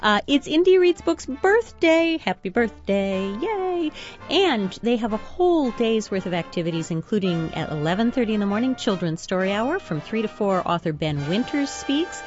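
Female radio co-host, animated and playful, light arts chat over music, slightly muffled. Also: mid-range voice, normal speed, hardly any pauses. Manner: playful, bantering.

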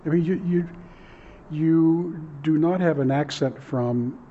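A male reporter with a slightly high voice asks questions in an easygoing, chatty way. The recording is dull and lo-fi, and a steady noise runs clearly behind him. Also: takes it slowly. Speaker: interviewer, reporter. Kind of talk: casual interview and narration. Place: large old building studio.

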